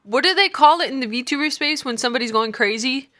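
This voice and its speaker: A woman's voice: sits high, lively intonation, quick pace, bright, forceful tone. A woman streamer reacting to a video in casual chat, incredulous, laughing and swearing freely.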